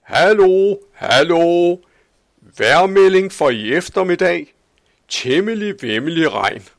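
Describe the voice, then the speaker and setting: A man voicing an old, long-bearded man who shouts weather forecasts from a tower balcony in a storybook reading. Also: sits high, expressive, creaky, no echo, studio quality, voice pushed up. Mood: announcing. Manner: loud announcing calls from a balcony.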